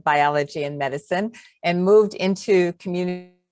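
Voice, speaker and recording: A woman's voice: lowish voice, moderate pace, a little mellow, no echo. A woman moderating a webinar, asking questions carefully and rephrasing them as she goes.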